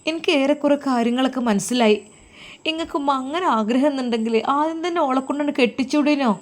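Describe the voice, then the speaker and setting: Woman putting on a young wife with a malappuram accent, high wobbly teary voice, pleading and clinging. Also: fast, close to an everyday voice. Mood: accusing. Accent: Malappuram Malayalam.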